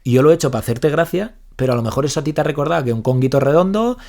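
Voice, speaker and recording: A young man with a Spain Spanish accent, a psychologist co-hosting a casual podcast, talking quickly and acting out example lines. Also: fairly high pitch. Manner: fast, animated, acts out example lines. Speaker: psychologist co-host.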